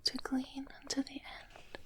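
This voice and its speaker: Slow whispering woman, layered ASMR reading. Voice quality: breathy unvoiced whisper. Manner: slow, hushed, even delivery. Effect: doubled with layered whispers. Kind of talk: soft ASMR scripture reading.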